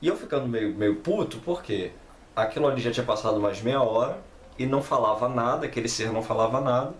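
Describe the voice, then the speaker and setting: A man's voice: medium pitch, quick pace. A man with a Brazilian Portuguese accent, casually telling a personal story as a channel host, talking conversationally with lots of tag questions. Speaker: host of a comic review channel. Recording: echoey room with faint background noise.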